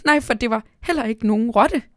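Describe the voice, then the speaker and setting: Lady reading as an old owl with bad eyes, high and fluttery, all sheepish and apologetic, dry close sound. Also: a bit bright, no echo, close to an everyday voice. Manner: flustered and apologetic, high-pitched. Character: old, shortsighted, embarrassed owl.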